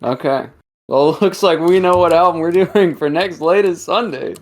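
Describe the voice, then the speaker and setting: A man's voice: a little high, moderate pace. A man guesting on a casual podcast as a streamer, teasing his co-host in a jokey manner with bursts of laughter. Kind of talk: casual chat.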